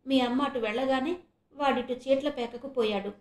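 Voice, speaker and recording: Scolding old grandmother, read by a woman, high voice, echoey room, audiobook. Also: fairly even intonation, moderate pace, a little mellow, close to an everyday voice. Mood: grumbling. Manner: scolding, plain-spoken. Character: elderly grandmother, worried about her grandson.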